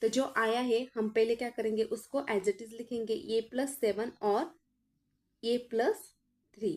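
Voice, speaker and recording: A woman's voice: on the high side, steady tone, measured pace, darkish tone. A woman math teacher walks through each step, asking the class questions and answering them herself. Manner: addresses students as children.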